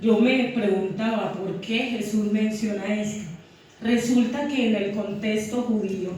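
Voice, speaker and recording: A woman's voice: medium pitch, darkish tone, slight background noise. A woman preaching a sermon in a church, teaching the passage and asking her congregation questions. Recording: echoey church hall, mic from far off.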